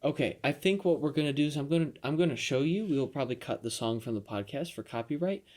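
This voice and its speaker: A man co-hosting a casual podcast, talking in a soft-spoken, fairly monotone way. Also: fairly high pitch, fast. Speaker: podcast co-host.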